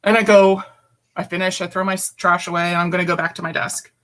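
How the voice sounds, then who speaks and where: A woman's voice: lowish voice, flat delivery, fast, a bit bright. Blunt, emphatic woman guest. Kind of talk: personal storytelling in conversation.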